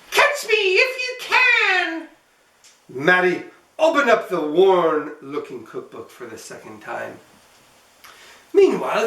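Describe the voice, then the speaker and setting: A man with a high, somewhat bright voice reads a children's storybook aloud as host, narrating expressively and playfully for young listeners. The recording has a roomy echo, with the mic placed at some distance.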